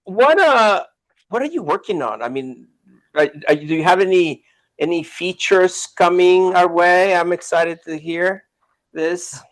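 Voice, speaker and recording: Halting man hosting a podcast interview. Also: high voice, animated, a bit bright, low-quality recording. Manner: halting, many restarts and fillers. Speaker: podcast host. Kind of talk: interview chat.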